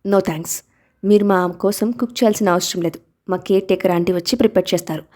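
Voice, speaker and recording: A woman's voice: medium pitch, fairly even intonation, fairly quick, a little mellow, close to an everyday voice. A woman voicing a bossy, indignant little boy. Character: stern, proud little boy, protective of his dad.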